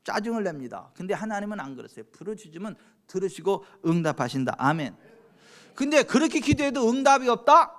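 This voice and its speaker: A middle-aged man preaching a sermon as pastor, swinging from hushed talk to sudden shouts and slow, solemn scripture reading. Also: high voice, sing-song.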